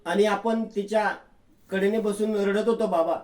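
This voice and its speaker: A man putting on a scared young daughter's voice, pitched well above his own, pleading and wailing loudly. The sound rings with a roomy echo. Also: fairly even intonation, normal speed, close to an everyday voice. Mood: frightened, tearful. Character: young woman, frightened tearful daughter.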